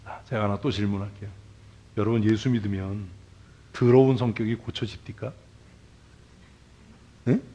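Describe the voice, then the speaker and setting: A male pastor preaching a sermon in a church, talking casually and bluntly, peppering the congregation with questions and swinging between loud emphasis and quiet asides. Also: lowish voice, steady tone, normal speed, pauses often, dull audio. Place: church sanctuary.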